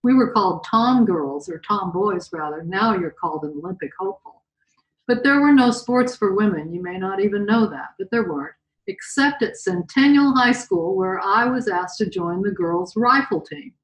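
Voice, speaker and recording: A woman's voice: mid-range voice, animated, normal speed. Folksy older woman telling a story. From western United States. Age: around 70. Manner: folksy, candid, chatty asides. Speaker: guest speaker. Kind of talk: personal storytelling talk. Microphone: video call. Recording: roomy echo.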